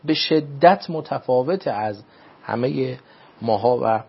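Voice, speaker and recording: Husky-voiced man giving measured advice. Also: medium pitch, lively intonation, highs cut off. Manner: formal, measured, repeats phrases like "if I may say". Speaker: religious speaker giving advice. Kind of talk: radio talk show guest.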